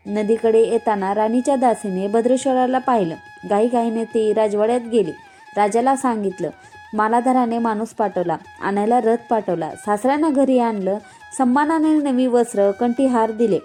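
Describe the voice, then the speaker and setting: A woman reading a devotional folk story aloud in a steady, expressive storytelling manner. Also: fairly high pitch. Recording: faint background music.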